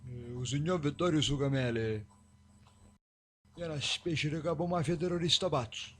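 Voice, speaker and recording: A man acting as an easygoing Sicilian street sidekick in a comedy game parody. His voice sits fairly high with a local accent, and noise is clearly audible behind it. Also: moderate pace, fairly bright tone, close to an everyday voice. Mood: explaining. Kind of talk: amateur comedy parody dub of a video game.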